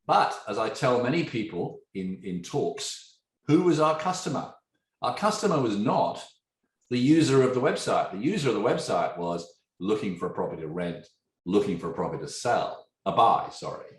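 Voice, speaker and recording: Originally from England, this fifties-aged tech entrepreneur speaks at normal speed in a lower pitch, his accent tinged Australian after years living there. As a podcast interview guest he's a lively storyteller who poses questions to his listener, recorded in a roomy, echoey space.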